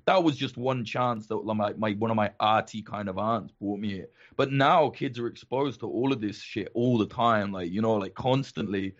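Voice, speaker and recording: A man telling stories in an animated, sweary casual chat. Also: fairly low pitch, moderate pace, few pauses, dull audio.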